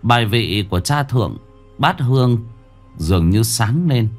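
A man's voice: medium pitch, lively intonation, a little slow, soft background music. A man narrating a ghost story in a dramatic, suspenseful storytelling manner. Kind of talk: scripted horror narration.

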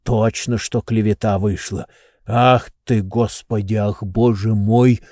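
A man's voice: on the low side, steady tone, slow, darkish tone, dry recording, studio quality. A man voicing a wheezy, fawning old male servant in a storybook reading.

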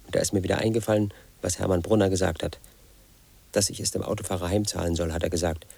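A lead actor plays a confused, paranoid man in his late thirties in an agitated, rambling radio play monologue that's confiding and sinks to a whisper. His middle-aged voice sits low and is gravelly, husky and darkish, fast with fairly even intonation and exaggerated delivery. There's no echo.

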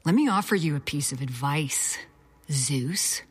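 A woman playing a heist conspirator who issues quiet threats. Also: low-pitched, lively intonation, unhurried, husky, exaggerated voice. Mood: menacing. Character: menacing female heist conspirator.

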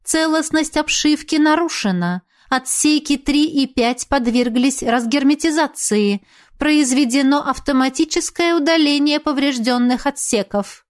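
A woman's voice: high-pitched, measured pace, voice pushed up. A woman voicing the formal computer aboard a spaceship, making clipped alert announcements in a science fiction audiobook. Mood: urgent alert.

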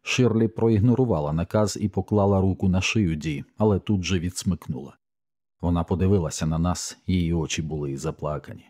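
Reading a horror audiobook, a man speaks in a somber, measured manner, his very low voice carrying a dark, mellow tone. It's a close, fully dry recording with no room sound.

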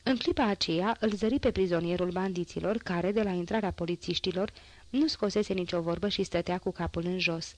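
A woman narrating a classic novel as an audiobook, in a measured literary reading. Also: on the low side. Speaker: audiobook reader.

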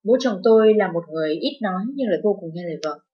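A woman narrating a dramatic first-person story in a steady, emotive storytelling voice. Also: medium pitch, quick pace, slightly rough. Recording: dull lo-fi with faint music.

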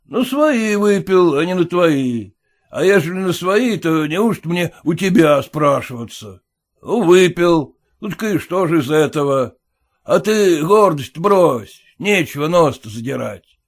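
A man voicing a coarse, tipsy old-fashioned merchant landlord who talks down in a slow, drawling way. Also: a little high, lively intonation, pitched above the performer's own voice. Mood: condescending.

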